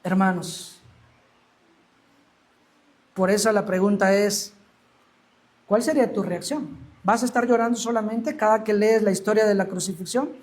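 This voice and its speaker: A man's voice: sits high, moderate pace, long pauses, a little mellow. A male preacher delivering an emphatic sermon, acting out the Bible scenes he tells. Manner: emphatic, acts out quoted Bible speech.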